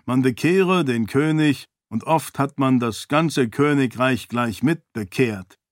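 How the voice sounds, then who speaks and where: A man voicing a stern, cunning male warrior priest with a slight foreign accent, speaking calmly and condescendingly. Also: mid-range voice, dry recording, studio quality, lightly acted. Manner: calm, measured, condescending.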